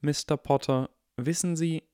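A man's voice: a little high, fairly even intonation, measured pace, dark tone, clear, resonant tone, dry recording, clean studio sound, pitched above the performer's own voice, close to an everyday voice. A man doing a stern, clipped older witch teacher. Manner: firm and clipped. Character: stern, brisk older Scottish-style witch teacher woman.

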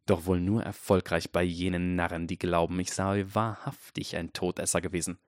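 A man's voice: sits low, level tone, no room sound, studio quality, close to an everyday voice. Lucius Malfoy, a silky cold aristocrat, read by a man. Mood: icy. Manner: icy, measured and menacing.

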